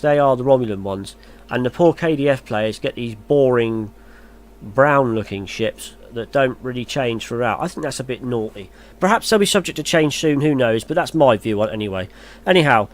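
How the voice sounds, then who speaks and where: Over a screen recording, a man with a mid-range, darkish voice narrates gaming news as a YouTuber. When he adds his own comments, he turns hesitant and chatty, musing aloud.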